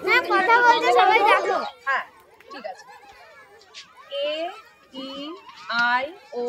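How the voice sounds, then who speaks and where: High-voiced woman teaching phonics. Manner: patient, explains step by step with examples. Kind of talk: classroom phonics lesson.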